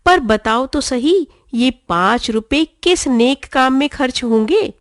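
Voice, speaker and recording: A woman's voice: high-pitched, animated, slow, no room sound, clean studio sound. A woman voicing a loving mother who scolds with pretend sternness in a children's storybook reading. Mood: mock-stern. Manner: mock-stern, affectionate. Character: patient mother teasing her son.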